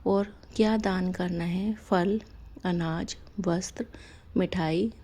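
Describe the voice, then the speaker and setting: A woman hosting a devotional channel, explaining fasting rituals softly and slowly, her lines often trailing off into a whisper. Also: fairly low pitch, steady tone. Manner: slow, soft-spoken, lapses into whispery line endings.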